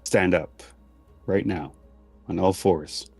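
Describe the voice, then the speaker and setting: A man's voice: sits low, steady tone, slow pace, vocal fry, a little mellow, slightly rough, soft background music, full character voice. A man playing a stern, parental dragon rider who scolds a youngster in firm, clipped commands in a tabletop game.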